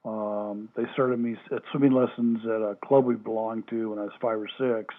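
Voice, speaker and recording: A man's voice: on the low side, fairly even intonation, moderate pace, slight background noise. An older man from Hawaii, a former Olympic swimmer, answering oral history questions over the phone, hesitant with many fillers and restarts. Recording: tinny phone line.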